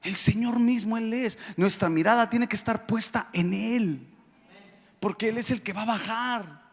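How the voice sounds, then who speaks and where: A man's voice: sits high, a little slow, big-room sound. A man with a Mexican Spanish accent preaching a sermon as pastor, emphatic and joking with the congregation. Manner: emphatic, calls out to the congregation, jokes. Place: church hall.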